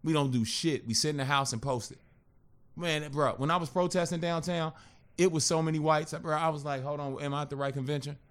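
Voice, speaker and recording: A man in his thirties sits in as a podcast guest and tells his story in loose, casual talk. His voice sits a little high for a man, and he swears freely and jumps into the voices of the people in the story. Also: brisk, smooth. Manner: animated, profane, acts out other people's lines.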